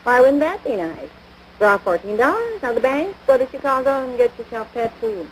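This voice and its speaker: Here the same crabby small-town American housewife and mother, played by an actress, talks at normal speed in a fairly high, very animated voice. Her folksy, ungrammatical nagging comes out scornful and exasperated. It's a domestic radio-style sitcom heard through a noisy vintage broadcast recording.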